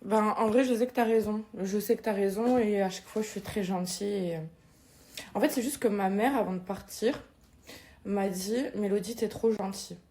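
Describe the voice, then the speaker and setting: A woman's voice: mid-range voice, normal speed, a little mellow. A woman chatting casually in a vlog, walking viewers through her home and its renovation plans. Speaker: vlogger. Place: her house indoors.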